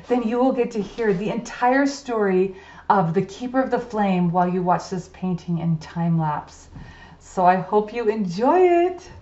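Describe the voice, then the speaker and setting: A woman's voice: mid-range voice, darkish tone, lo-fi sound. A woman giving an upbeat, chatty painting tutorial voice-over, encouraging her viewers. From United States. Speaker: art teacher. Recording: echoey room.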